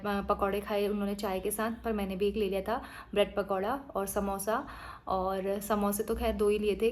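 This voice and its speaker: A woman narrating her day in a chatty, teasing way, sounding tired. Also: medium pitch. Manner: chatty, teasing, storytelling with quoted asides. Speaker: vlogger. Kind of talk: casual vlog narration.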